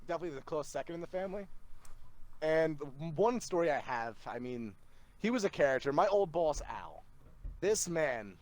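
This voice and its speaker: A man, a podcast guest, telling funny stories in an animated, laughing way over a remote call. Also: fairly high pitch, moderate pace, no echo. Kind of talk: casual storytelling.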